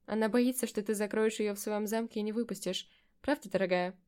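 A woman's voice: medium pitch, steady tone, fairly quick, darkish tone, lightly acted. A woman reading an audiobook and voicing a sly, playful, powerful witch who talks in a coaxing, teasing way. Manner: coaxing and teasing, mock-surprised.

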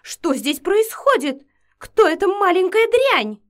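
A woman voicing a furious female vampire princess with a shrill, screeching voice in an audiobook. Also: big pitch swings, slow pace, heavily acted.

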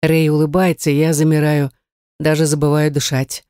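A woman's voice: deep voice, level tone, normal speed, mellow, clean tone, no echo, clean studio sound, close to an everyday voice. Dreamy lovesick young necromancer girl, read by a woman. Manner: dreamy, gushing, self-pitying. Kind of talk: audiobook character reading.

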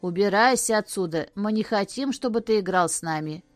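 A woman's voice: mid-range voice, a little fast, dry recording, faint music behind, natural voice. A woman voicing a group of children who jeer and taunt in a storybook reading. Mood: mocking. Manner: jeering, taunting. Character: mocking group of children, jeering.

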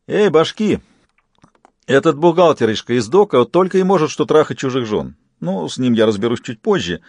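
A man voicing a menacing, triumphant man who has made himself a god, loud and gloating. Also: mid-range voice, very animated, normal speed, no room sound.

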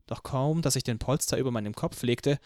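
A man's voice: medium pitch, fairly quick, a little mellow, no room sound. Male audiobook narrator, dry close sound. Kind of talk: first-person audiobook narration.

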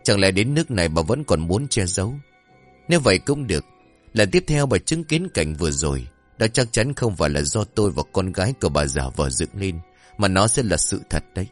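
A man voicing a shrewd spiritual master who speaks in a quiet, measured way. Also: low-pitched, sing-song, soft background music. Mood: stern.

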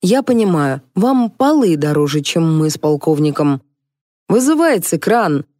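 A sulky young man who grumbles with biting sarcasm, as a woman reading aloud puts him on. The voice stays low and mellow, recorded close and dry. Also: very animated, measured pace, no echo. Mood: sarcastic. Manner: sarcastic, whiny.

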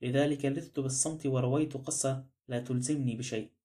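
A man's voice: medium pitch, steady tone, brisk, warm tone, close to an everyday voice. A man reading a cool, sardonic adventurer. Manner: cool, dry.

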